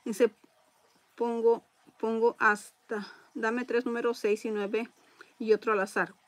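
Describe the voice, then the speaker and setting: A woman hosting a casual live-stream raffle, chatting along and reading viewer comments out loud. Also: fairly high pitch, flat delivery, slow.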